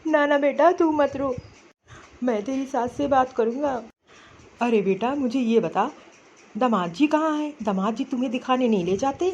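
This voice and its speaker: A high, coaxing cartoon father, voiced by a woman, kindly and reassuring to his daughter. The sound is dull and lo-fi with a faint hiss behind. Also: moderate pace, a little mellow. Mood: soothing. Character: kindly older father, soothing and worried.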